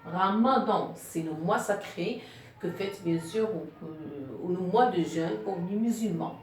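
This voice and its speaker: A woman teaching French pronunciation to beginners, slowly repeating words and breaking them into syllables. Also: fairly low pitch, slight background noise. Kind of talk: phonetics lesson for beginners. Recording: very echoey room, distant mic.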